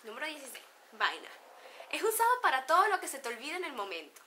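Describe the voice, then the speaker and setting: Venezuelan woman vlogger, slightly high, sharp bright tone, teasing and chatty. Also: huge pitch swings, fast talker, a little hiss or hum. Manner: playful, laughs often, acts out slang examples. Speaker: beauty vlogger. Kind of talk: casual chat to camera.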